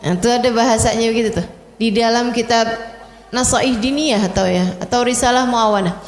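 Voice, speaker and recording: A woman's voice: fairly high pitch, a little fast. A woman Islamic preacher, giving a religious lecture in casual storytelling speech and addressing her audience directly. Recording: echoey hall with long reverb.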